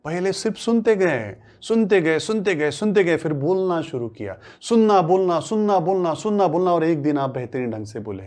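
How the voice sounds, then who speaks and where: A man's voice: on the high side, expressive, moderate pace, few pauses, darkish tone. Hindi-speaking teacher with a Marathi mother tongue. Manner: asks questions and answers them himself, repeats phrases for emphasis. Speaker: spoken English teacher. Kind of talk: classroom-style lesson.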